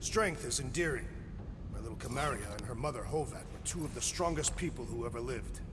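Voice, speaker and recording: An actor playing a proud, literal-minded alien warrior in a video game, speaking formally and pompously. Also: male voice, medium pitch, lively intonation, fairly quick, a loud crowd, lightly acted. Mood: solemn.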